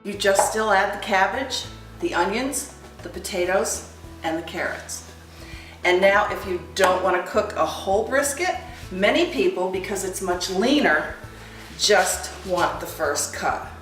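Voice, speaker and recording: A woman hosting a cooking demonstration, explaining each step in a chatty, unhurried way. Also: mid-range voice, animated, fairly bright tone, far from the mic. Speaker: cooking host. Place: kitchen. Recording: echoey kitchen, from afar, light music.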